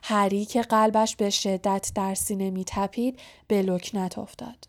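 A woman reads a novel aloud for an audiobook. Her narration stays hushed and breathy, often dropping near a whisper. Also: medium pitch, fairly even intonation. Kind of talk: audiobook reading.

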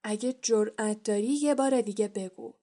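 A woman's voice: mid-range voice, dark tone, lightly acted. A woman voicing a blunt, indignant red-haired schoolboy in an audiobook reading. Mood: angry. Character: red-haired schoolboy from a poor big family.

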